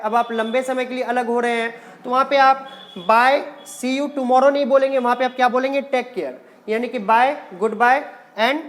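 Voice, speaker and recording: A woman with an Indian accent teaching spoken English phrases, repeating each one slowly and explaining when to use it, calling her learners children. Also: fairly high pitch. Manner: drills short phrases, repeating them slowly; addresses learners as children and guys.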